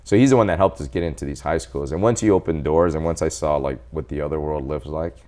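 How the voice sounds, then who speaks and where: In a casual interview, a Salvadoran doctor in his forties goes through his life story at a quick pace, his voice rumbling low. He's animated and often quotes what people said.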